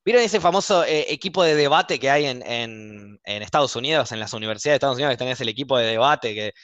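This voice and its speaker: A man's voice: medium pitch, lively intonation, a bit bright, dry recording. A man with an Argentine Spanish accent, hosting a casual podcast chat, talking with emphatic passion and a taste for arguing. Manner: emphatic, quick to argue. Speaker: host.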